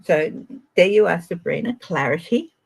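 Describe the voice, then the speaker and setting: Husky Australian woman reading tarot. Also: fairly low pitch, animated, normal speed, poor audio. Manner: gentle, chatty, addresses viewers by name. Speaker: tarot reader. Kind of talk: live-stream tarot reading.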